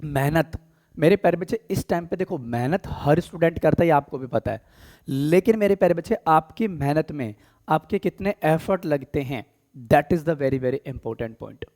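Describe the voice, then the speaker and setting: Teaching a live online exam-prep English class that blends Hindi and English, this Indian-accented man sounds hoarse and worn, his voice slightly high. He is animated yet deliberately soft and slow. He affectionately addresses students as "beta" and frequently stops to clear his throat.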